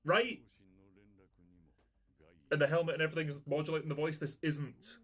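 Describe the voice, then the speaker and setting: A man with a slightly higher voice than most talks through a show as he watches it. His commentary is casual and chatty. He thinks aloud and now and then breaks into loud, excited shouts. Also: very fast. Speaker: reaction channel host.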